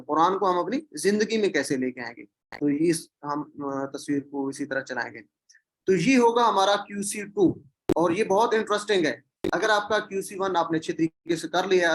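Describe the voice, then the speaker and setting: Urdu-speaking man teaching a Quran class. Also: on the high side. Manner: asks the class questions and repeats key words. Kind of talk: online class lesson.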